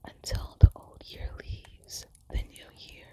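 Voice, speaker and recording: Casting: female ASMR presenter, fully whispered librarian-style hush, unhurried, deliberate reading of facts. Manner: librarian-like hushed whisper, unvoiced.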